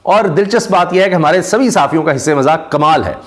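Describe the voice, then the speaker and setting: A man, giving casual spoken commentary on news clips, talking at length with many drawn-out pauses and fillers. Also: fairly high pitch. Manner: talkative, frequent "aa" fillers and pauses. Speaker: YouTube commentator.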